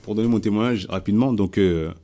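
A man's voice: lowish voice, fast, warm tone. A man from France leading a Bible study, preaching informally and sharing a testimony, talking conversationally with frequent repeats and restarts.

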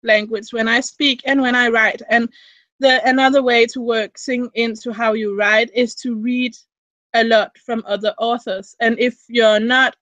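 A young Danish fan fiction writer, speaking English as a second language with a Danish accent, rambles in a casual video-call interview with many restarts and fillers. Her fairly high, slightly bright voice comes through a webcam mic in a small indoor room, muffled and with no room sound.

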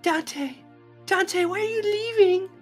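Someone putting on a very high, whiny girl. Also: takes it slowly, soft background music. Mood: pleading. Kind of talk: amateur comedic meme dub.

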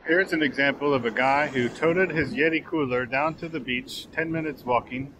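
A man's voice: mid-range voice, normal speed, heavy background noise. A man in his forties chatting casually as a travel vlogger, filming outdoors at a beach and in a car. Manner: chatty, joking tour-guide talk.

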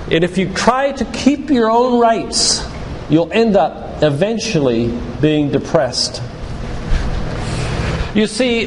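An older man, a physician serving as a lay preacher, gives a live, sermon-like lecture quoting scripture in a church hall. His high voice is deliberate and emphatic as he teaches with repeated phrases. The recording is reverberant, with background hiss.

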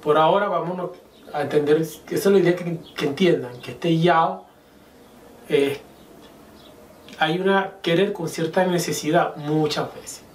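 Man, teacher, patient, slow repeated examples, fairly high voice, roomy echo, mic set back. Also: a little hiss or hum. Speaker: Chinese language teacher. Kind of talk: whiteboard lesson explaining grammar. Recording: echoey room, mic at a distance.

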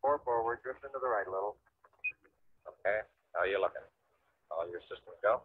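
A man's voice: lowish voice, fairly quick, slightly rough, dry recording. A man speaking as an astronaut over a crackly two-way radio link, giving terse, clipped callouts in mission radio communications. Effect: heard over a crackly two-way radio link. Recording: muffled lo-fi radio transmission.

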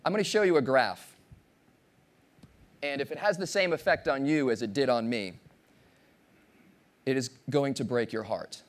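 A man in his thirties giving a motivational keynote on a large conference stage, playful and animated, teasing and quizzing the audience. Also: mid-range voice, moderate pace, pauses often. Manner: animated, playful, audience-engaging, acts out voices. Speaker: keynote speaker.

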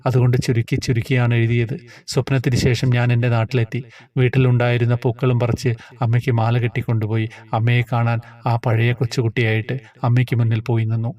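A man calmly and earnestly reading out a devotional personal story. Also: medium pitch, fairly quick, highs cut off. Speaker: narrator reading a submitted story.

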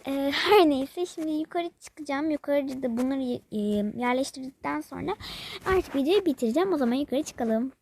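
A woman's voice: sits high, moderate pace, a little mellow, a little hiss or hum. A woman narrating her mobile game play in a casual, chatty way, thinking aloud as she goes, calling her viewers by pet names and often dropping to a whisper. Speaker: game vlogger.

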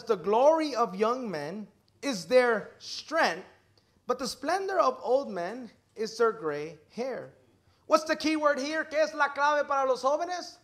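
Preacher, male, very high register, energetic bilingual sermon delivery, calls listeners "hermano". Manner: switches between English and Spanish line by line, calling out "hermano"; energetic, rising loud on key words, then dropping to low asides. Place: church service.

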